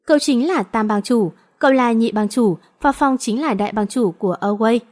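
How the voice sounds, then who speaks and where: A cool, commanding older sister from a romance audiobook, calm and self-assured with a quiet menace, as a woman reads her. The voice sits slightly high and speaks evenly. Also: moderate pace, lightly acted. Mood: knowing.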